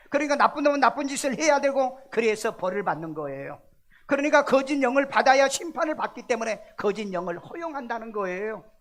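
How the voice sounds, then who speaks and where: A man's voice: sits high, fairly bright tone. A male pastor preaching a sermon in a church, emphatic and full of rhetorical questions. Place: church sanctuary.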